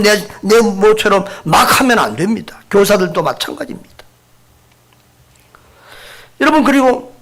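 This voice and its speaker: A man's voice: extremely high pitch, fairly bright tone. A middle-aged man preaching a sermon as pastor, speaking conversationally and putting questions to the congregation. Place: church sanctuary.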